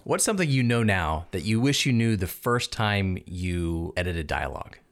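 Lively low-voiced male podcast host. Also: moderate pace, no echo, studio quality. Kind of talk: hosting and interviewing.

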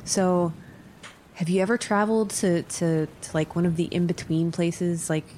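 A woman's voice: fairly low pitch, fairly even intonation, normal speed, dark tone, a little hiss or hum. A woman playing in a tabletop game, giggly and hesitant as she talks in character. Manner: giggly and hesitant, many fillers. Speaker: player. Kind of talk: casual tabletop role-play.

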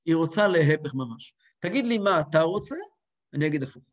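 A man teaching a lively spoken lesson as a rabbi, acting out quotes and voices with big swings. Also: on the high side.

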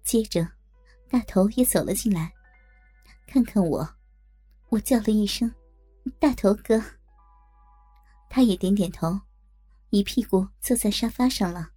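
A woman tells a first-person adult story in a husky, mellow voice, coy and teasing. Soft music plays faintly under her. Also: mid-range voice. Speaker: narrator.

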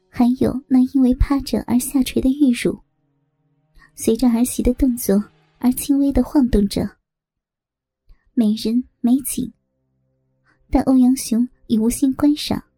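A woman reading a story aloud as narrator in a soft, even voice. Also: on the high side, husky, no echo, clean studio sound. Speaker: audiobook narrator.

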